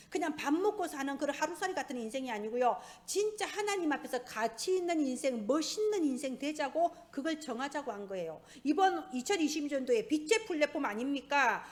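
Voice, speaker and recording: Woman, pastor, sermon, emphatic preaching, high voice, lively pitch. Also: brisk. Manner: emphatic preaching, rising and falling for stress.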